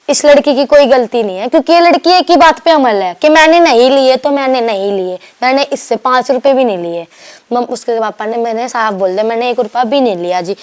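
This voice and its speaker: This is a young woman from Delhi, a guest on an interview podcast. Her voice sits a little high. She tells her story candidly, acting out what others said and restarting her lines as she goes. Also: clear, resonant tone. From Delhi, India. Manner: rambling, animated retelling with quoted dialogue and restarts.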